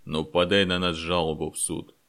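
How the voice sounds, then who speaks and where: Audiobook: battle-worn veteran played by a male narrator, deep and gravelly, sardonic and tough. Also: steady tone, moderate pace, a bit bright, heavily acted. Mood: gruff. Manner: gruff, mocking. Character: gruff veteran soldier man, sardonic and tough.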